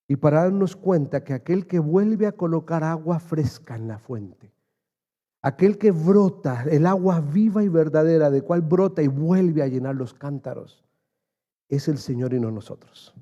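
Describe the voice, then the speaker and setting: A man's voice: a little high, mellow, muffled recording. A male pastor preaching an earnest sermon in church, building to emphatic raised passages and calling his listeners dear brother.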